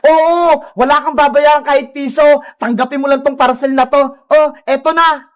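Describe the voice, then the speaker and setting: A woman voicing a grown male delivery rider in a cartoon skit, with a loud, friendly manner. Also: high voice, steady tone, normal speed, close to an everyday voice. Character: gruff grown man, a parcel delivery rider.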